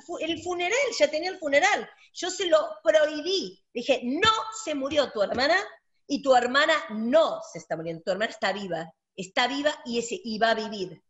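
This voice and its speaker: A woman co-hosting a radio talk, telling stories in an emphatic, animated way. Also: high voice, normal speed. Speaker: doctor and radio co-host. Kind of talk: casual spiritual talk. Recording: dull lo-fi audio.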